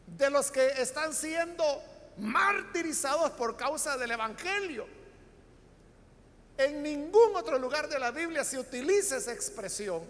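A man's voice: very high-pitched, a bit bright, in a large hall. A man with a Salvadoran accent, preaching a Bible study sermon and explaining the text to his congregation with frequent rhetorical questions. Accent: Salvadoran Spanish. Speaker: pastor.

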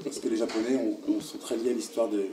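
A man talking playfully and quickly in an interview, repeating words for comic effect. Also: on the low side, flat delivery. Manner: rapid, playful, repetitive. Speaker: performer interviewee. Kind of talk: casual interview. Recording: roomy, distant mic over music.

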